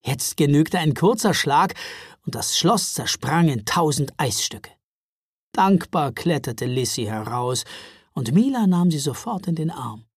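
Expressive storybook narrator, woman, breathy and animated. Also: low-pitched, unhurried, no echo, studio quality. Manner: lively, expressive. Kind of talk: children's audiobook reading.

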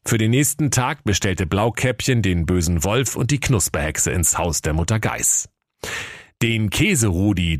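Deep-voiced man reading a comic tale. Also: no room sound. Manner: dry, playful storytelling. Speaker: narrator. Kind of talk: comic fairy-tale narration.

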